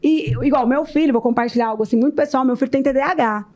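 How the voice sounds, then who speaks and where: A Brazilian woman, a mother and entrepreneur, who tells personal stories in an animated way in a candid podcast conversation, acting out the dialogue. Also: sits high, fast, highs cut off. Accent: Brazilian Portuguese.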